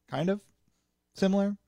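A man's voice: high voice, slow, mellow, no echo, clean studio sound. A man hosting a casual chat, hesitant, with lots of ums and restarts.

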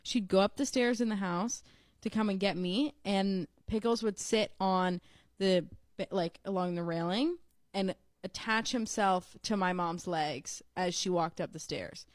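A woman's voice: mid-range voice, measured pace, no echo. A young woman chatting casually and telling stories with lots of fillers. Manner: chatty storyteller, many fillers. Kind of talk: casual chat.

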